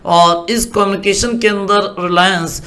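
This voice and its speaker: High-pitched male market commentator, patient explainer tone. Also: fairly even intonation, a little slow, sharp tone. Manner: explanatory, asks "are you following me" often. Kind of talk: screen-share market commentary.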